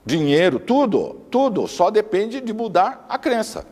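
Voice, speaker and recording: Male lecturer, lively pitch, insistent and repetitive delivery, reverberant hall. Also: unhurried. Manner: emphatic, repeats words for stress.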